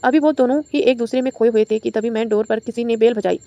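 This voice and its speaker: A woman reading a romantic audio novel aloud as the channel's storyteller, in a brisk, steady voice. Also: fairly high pitch, no echo, highs cut off.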